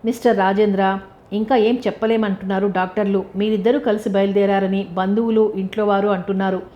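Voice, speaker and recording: A woman's voice: mid-range voice, little pitch movement, a little fast, dull audio, natural voice. A woman voicing a stern male police inspector who asks probing questions.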